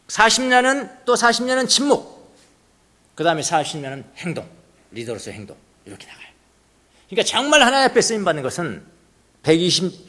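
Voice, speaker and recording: Male pastor, sermon, emphatic and questioning, lively pitch, long hall reverb. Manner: emphatic, repeats phrases, asks the congregation.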